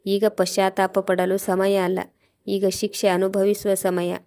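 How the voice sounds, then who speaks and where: A woman reading the lines of a stern, betrayed husband in a storybook tale, in a flat, accusing tone. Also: mid-range voice, a little slow, dry recording, studio quality, lightly acted. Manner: accusing, harsh.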